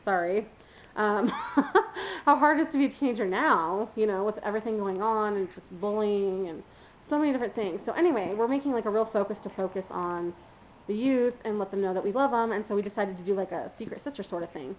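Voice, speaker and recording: A woman's voice: medium pitch, fairly quick, slight background noise. A woman from California chatting casually in a vlog, rambling with lots of fillers and breaking off to talk to her puppy. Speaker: vlogger. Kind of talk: casual chat. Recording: tinny phone-like sound.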